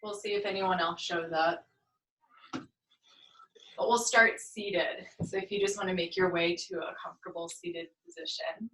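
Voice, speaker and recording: Woman teacher calmly cueing stretches, echoey. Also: fairly low pitch, normal speed. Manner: calm, gentle step-by-step cueing. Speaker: movement and meditation teacher. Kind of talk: guided movement class instruction. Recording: echoey room, far from the mic.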